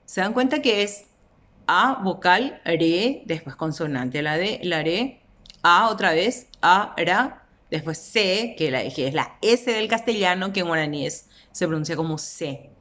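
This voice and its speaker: Paraguayan woman teacher, unhurried and deliberate, spells out words for learners. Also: lowish voice, animated, fairly bright tone. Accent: Paraguayan Spanish. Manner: slow, deliberate, stretches out example words. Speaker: language teacher. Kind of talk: explanatory lesson.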